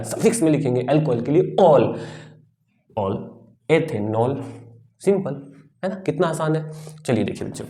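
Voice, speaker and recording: A man's voice: mid-range voice, dark tone. A man teaching a class, explaining step by step, asking his students questions and answering them himself. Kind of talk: classroom lecture.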